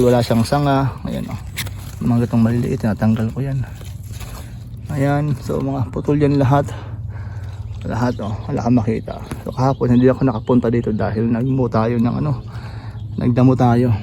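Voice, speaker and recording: A man with a gravelly, mellow voice strolls through his backyard garden, talking casually and pointing things out with plenty of fillers. He sounds a bit winded, and faint outdoor noise sits behind him. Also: medium pitch. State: slightly out of breath after jogging. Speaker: gardening vlogger.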